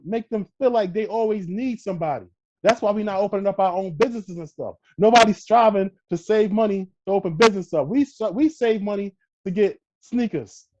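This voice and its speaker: A high-pitched Brooklyn man with a New York accent talks emphatically in a casual podcast conversation, punctuating his points with "all right" and "you know what I mean." The sound is lo-fi.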